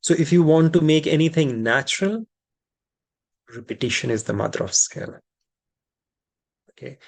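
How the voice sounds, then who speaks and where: A man's voice: on the high side, lively intonation, moderate pace, creaky. Reassuring man leading a hypnosis session. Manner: reassuring, explanatory, repeats and rephrases key phrases. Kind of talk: informal teaching and question session, switching between two languages.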